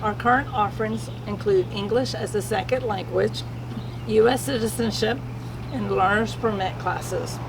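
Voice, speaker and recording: A woman program staffer explaining class offerings in a measured, formal way. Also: mid-range voice, noisy background.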